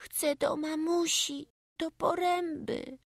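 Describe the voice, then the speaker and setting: A woman's voice: sits high, steady tone, slow pace, no room sound, clean studio sound, voice pushed up. A woman voicing a small homesick peasant boy who talks with a childish dialect lisp. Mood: tearful.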